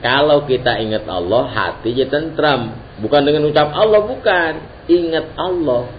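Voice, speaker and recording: A man giving an informal Islamic religious lesson, joking in casual slang. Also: mid-range voice. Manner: casual Jakarta-slang preaching, lively and joking. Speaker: Islamic teacher. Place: religious gathering hall. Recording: dull lo-fi recording with faint hiss.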